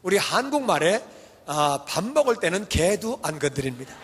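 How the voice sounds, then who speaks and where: A man preaching a sermon as pastor, lively and colloquial, repeating emphatic refrains. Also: sits high, normal speed, slight background noise. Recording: long church reverb.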